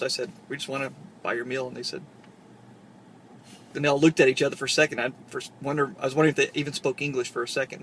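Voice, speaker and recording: A man from a church outreach team giving a halting, casual recap full of pauses and fillers. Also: medium pitch, fairly bright tone, a little hiss or hum, rough recording. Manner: halting, lots of uh fillers and restarts.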